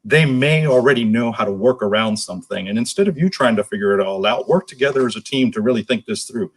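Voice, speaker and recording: Talking quickly with lively intonation, this man's mid-range, slightly rough voice belongs to a nonprofit executive being interviewed. He responds in an earnest, explanatory, conversational manner.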